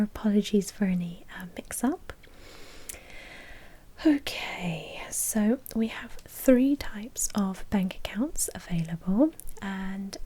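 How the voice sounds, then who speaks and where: A woman whispers softly in an ASMR roleplay as a polite, obliging vampire blood bank manager, using courteous customer-service patter. Her voice is mid-range and slightly rough.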